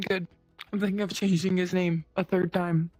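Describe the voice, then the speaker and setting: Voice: mid-range voice, flat delivery, measured pace, faint music behind. A guest chatting casually through a voice changer, asking aloud whether it works. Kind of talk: casual chat.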